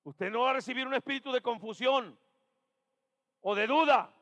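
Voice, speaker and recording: A man preaching a Pentecostal sermon as pastor, dropping to quiet murmurs, then rising to shouted exhortations, and repeating key phrases. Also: very high-pitched, normal speed. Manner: acts out doubting churchgoers' questions. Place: church sanctuary. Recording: reverberant church hall.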